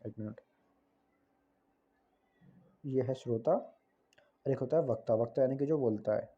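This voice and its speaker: Man, casual lesson explanation, conversational tag questions, medium pitch, muffled lo-fi audio. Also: a little slow, warm tone, breathy edge. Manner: conversational, frequent tag questions and self-corrections. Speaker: tutor.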